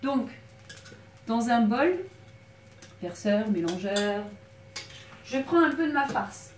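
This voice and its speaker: This woman speaks slowly and animatedly in a slightly high voice, a touch of hoarseness in her throat, as she chats through a casual cooking demo in her small back kitchen. Loud clattering of pans and utensils fills the echoey room, recorded from a distant mic.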